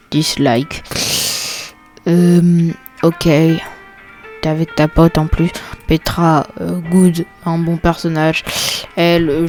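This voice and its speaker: A woman talks slowly through an offhand ranking, her voice sitting a little low. She jokes and mutters little asides in a loose, unscripted way, and faint music plays underneath. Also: a little mellow. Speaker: video creator ranking characters. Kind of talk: casual off-the-cuff commentary.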